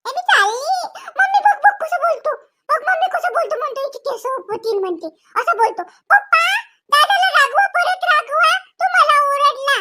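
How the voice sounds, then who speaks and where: A voice actress playing a bratty little girl in an animated cartoon. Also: fairly quick, music in the background. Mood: tattling. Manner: shrill, tattling, boastful.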